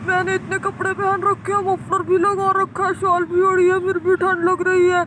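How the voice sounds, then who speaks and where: A fussing middle-aged village father who grumbles and shouts for tea against the cold, as a woman puts him on. The voice sits very high for a man. Steady hiss runs under the recording. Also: moderate pace. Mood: shivering. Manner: loud complaining calls. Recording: noisy home recording.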